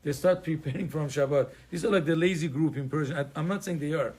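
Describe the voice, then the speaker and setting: A man's voice: on the high side, fast, darkish tone, breathy edge. A man from Iran, a rabbi teaching an informal Torah class in a conversational, digressive way with joking asides and plenty of fillers.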